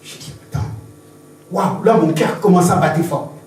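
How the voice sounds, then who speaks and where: A man's voice: on the high side, moderate pace, a little mellow. A man preaching a sermon as pastor, impassioned and repetitive, telling stories to the congregation. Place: church hall. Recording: very echoey church hall, distant mic.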